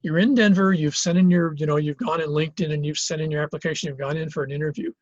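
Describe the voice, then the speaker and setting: Conversational male lecturer, husky voice. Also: fairly high pitch, fairly even intonation, quick pace, no room sound, dull audio. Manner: conversational, thinks aloud with many fillers and restarts. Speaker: college geography lecturer. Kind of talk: classroom lecture with discussion. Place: classroom in Hawaii.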